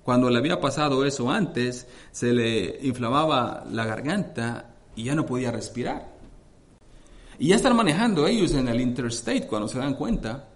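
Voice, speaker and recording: Expressive and at a moderate pace, a man delivers a fervent sermon as a pastor. Reading scripture aloud, he pushes his pitch and force up dramatically, frequently addressing his listeners as brothers.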